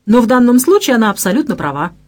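A woman's voice: fairly high pitch, sing-song, fast, darkish tone, pitched above the performer's own voice. A woman reading an audiobook and voicing a brash, gossipy young female office designer. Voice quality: brash, slangy.

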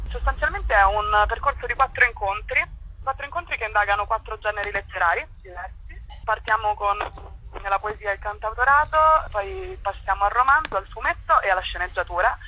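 A young woman guesting on a radio show for a cultural association searches for words as she explains things in a conversational style. Her mid-range voice sounds pushed and bright, with poor audio and a little hiss or hum.

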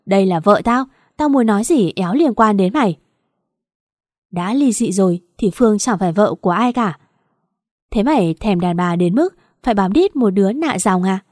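A woman's voice: mid-range voice, expressive, normal speed, a little mellow, no room sound, clean studio sound, close to an everyday voice. A woman voicing a brutish young man who swears and threatens, in a coarse, menacing way.

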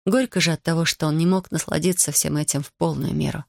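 A man narrating an audiobook in a measured, even reading style. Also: on the high side, creaky, dry recording, clean studio sound.

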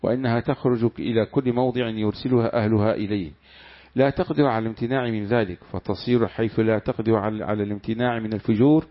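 A man with a fairly low voice reads a classical commentary aloud at a quick pace. Between passages he answers his teacher with short amens. The recording sounds dull and lo-fi. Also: fairly even intonation. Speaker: student reading the text aloud.

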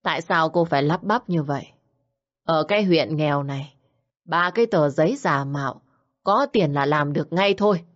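A woman's voice: low voice, normal speed, muffled recording, close to an everyday voice. A woman voicing a stern, wronged older woman who questions coldly and sharply. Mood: suspicious.

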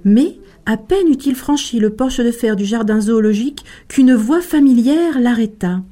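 A woman telling a tale aloud, expressive and measured, slowing down to let moments land. Her voice sits a little high for a woman. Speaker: storyteller. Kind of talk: told story narration.

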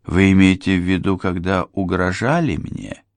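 A man reading an audiobook voices a proud young woman painter with cold, cutting replies, a bit higher than his own low, gravelly voice. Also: moderate pace, no echo. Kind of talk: audiobook character voice.

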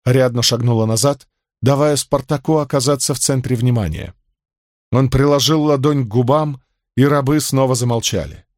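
A man's voice: mid-range voice, no echo. Man narrating a story in a dry voice. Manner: steady, measured storytelling. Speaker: audiobook narrator. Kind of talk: scripted narration.

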